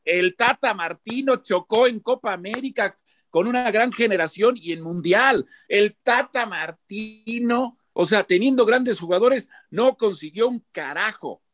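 A man's voice: high voice, unhurried, fairly bright tone. A man giving heated, emphatic football commentary on a panel, often repeating himself as he argues. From born outside Mexico. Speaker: football pundit.

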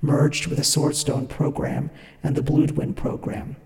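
A man's voice: fairly high pitch, completely flat delivery, measured pace, vocal fry, a little mellow. Echoing collective voice of a man from far away. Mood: recited. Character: many beings speaking as one, reading a file. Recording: far, echoey long reverb.

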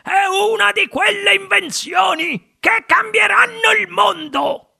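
A man reading an audiobook, voicing an elderly grandfather who shouts in amazement. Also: very high voice, takes it slowly, vocal fry, voice pushed up, full character voice. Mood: amazed.

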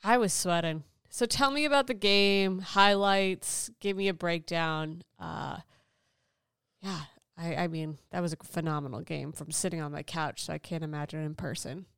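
Woman co-host on a sports betting pod, lowish smooth voice, chatty and teasing. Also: normal speed, a bit bright, no echo. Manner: chatty, teasing, enthusiastic fan. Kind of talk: casual sports betting chat.

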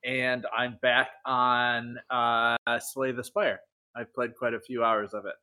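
Bright sharp voiced guy, teasing, lots of ums, casual gaming chat. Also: mid-range voice, flat delivery, takes it slowly, clean tone. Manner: teasing, rambling with many ums. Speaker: podcast co-host.

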